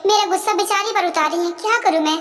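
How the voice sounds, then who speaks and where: A woman's voice: very high-pitched, fast talker, fairly bright tone, faint music behind. A woman dubbing a caring, protective young man who soothes and pleads. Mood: puzzled. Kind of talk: amateur fan dub.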